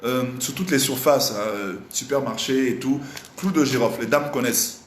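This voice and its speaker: A slightly hoarse man teaching a live online singing lesson, animated and repetitive, often stopping to quiz his audience. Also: medium pitch, normal speed. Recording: roomy echo, faint background noise.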